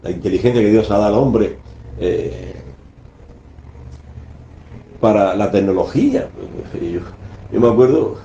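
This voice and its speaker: A man preaches an earnest, emphatic radio sermon in a low, mellow voice. He acts out the scripture quotes as he goes. The broadcast sounds dull and lo-fi, with a roomy echo. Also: unhurried, long pauses, a little hiss or hum. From Spain. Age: 70s.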